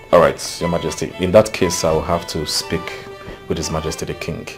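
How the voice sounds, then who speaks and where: An actor with a Nigerian accent playing a deferential, defensive company manager in a film drama. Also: male voice, rumbling low, flat delivery, measured pace, faint music behind. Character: company manager, guarded middle-aged man.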